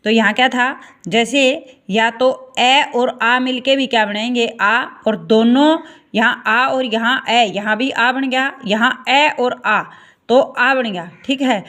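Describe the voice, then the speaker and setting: A woman's voice: fairly high pitch, fairly even intonation, a bit bright. A woman teaching a Hindi grammar class, spelling out vowel sounds one by one and checking with students as she goes. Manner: slow, repeats "ठीक है" and asks checking questions.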